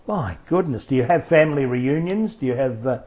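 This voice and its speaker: A man's voice: mid-range voice, expressive, brisk. Formal male community radio interviewer. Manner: formal, effusive introductions. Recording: dull lo-fi radio recording.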